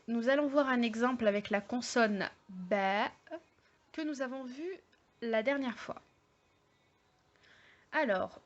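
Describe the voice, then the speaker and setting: A woman teaching an online language lesson, explaining slowly step by step with many hesitations and fillers. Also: a little high, dull audio. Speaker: Arabic teacher.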